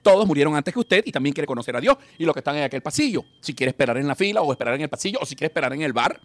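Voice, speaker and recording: A man with a Venezuelan accent playing a calm, matter-of-fact male Saint Peter at heaven's gate. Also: a little high, racing, no echo. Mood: brisk.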